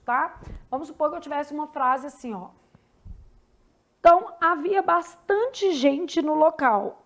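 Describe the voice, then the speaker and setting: Woman, Brazilian accent, high-pitched, grammar teacher, conversational explaining, online lesson. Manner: explanatory, conversational, frequent tag questions. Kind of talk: online exam-prep lesson.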